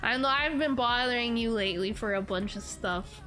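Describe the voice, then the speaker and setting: Audio quality is poor as a young woman streamer with a fairly high, sharp-toned voice chats at a moderate pace. She's reading viewer comments casually, sounding congested from allergies, and she giggles and rambles, saying "like" a lot.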